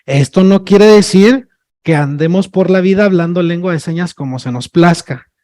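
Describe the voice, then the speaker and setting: A man's voice: sits high, moderate pace, a little mellow. A man giving a workshop lecture as a sign language trainer, chatty and joking, often checking in with "ok?" and "no?". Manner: chatty, checks in with tag questions, jokes with the audience.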